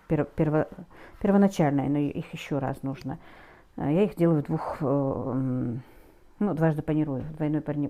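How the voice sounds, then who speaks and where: A middle-aged woman chatting casually in a home cooking vlog, speaking haltingly and often correcting herself as she goes. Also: low-pitched, warm tone. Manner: halting, with hesitant self-corrections. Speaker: home cook taking food orders, vlogger.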